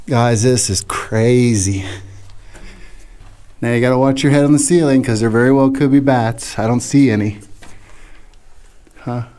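A man's voice: mid-range voice, fairly even intonation, fairly quick, pauses often, dark tone. Middle-aged man giving a casual cave tour. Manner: tour-guide style, pointing out sights and giving tips to viewers. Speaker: vlogger guiding viewers through caves. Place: inside a large rock cave. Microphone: action camera held close.

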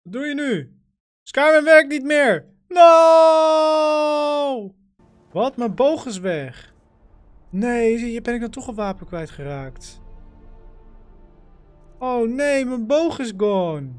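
A man giving playful, excitable let's-play commentary, talking to his in-game companion. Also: very high-pitched, takes it slowly, long pauses, faint music behind. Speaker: gaming channel host.

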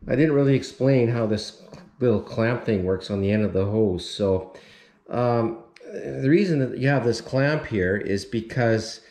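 A man in his fifties giving a relaxed, rambling how-to walkthrough, full of fillers, filmed on a handheld camera inside an empty mobile home. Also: mid-range voice, measured pace. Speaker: renovation vlogger. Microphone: action camera held at arm's length. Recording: echoey bare room.

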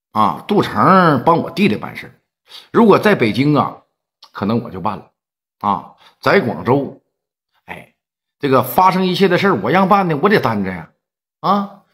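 A tough, smooth-talking gang leader with a Northeastern Chinese accent, acted by a male narrator. He speaks firmly and persuasively, in a slightly high voice that moves up and down a lot. It is a spoken gangland tale. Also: sing-song, moderate pace, long pauses, fairly bright tone. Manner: firm, persuasive.

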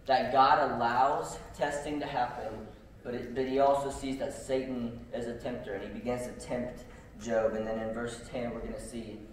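A young man preaches in a relaxed, chatty way, filling his sentences with ums and likes as he tells stories. His voice rings through a very reverberant church hall and is picked up from some distance. A faint room hum sits behind him. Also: medium pitch, moderate pace. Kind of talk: casual storytelling sermon. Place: church sanctuary.

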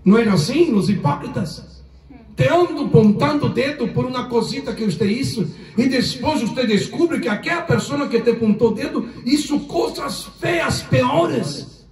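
High-voiced man preaching in an echoey church. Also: lively intonation, normal speed, a little mellow. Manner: mixes Spanish and Portuguese, calls the congregation to repeat. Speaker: pastor. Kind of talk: sermon. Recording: echoey church room, voice from far off the mic.

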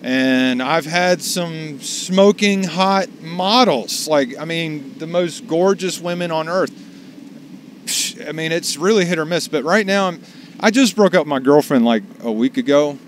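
A man's voice: fairly high pitch, a little slow, slight background noise. Rambling man vlogging from his car. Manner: rambling, salty, talks to the camera. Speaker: delivery driver vlogger. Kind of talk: casual chat while driving.

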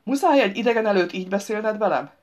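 A woman's voice: medium pitch, lively intonation, a little mellow, voice pushed up, lightly acted. A woman playing a huffy, put-upon son-in-law. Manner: huffy and complaining. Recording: dull lo-fi recording.

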